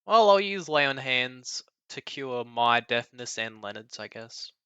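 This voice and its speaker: A man's voice: medium pitch, expressive, measured pace, pushed and bright, clean tone, lo-fi sound. A man playing a tabletop game, hesitant and joking. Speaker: player.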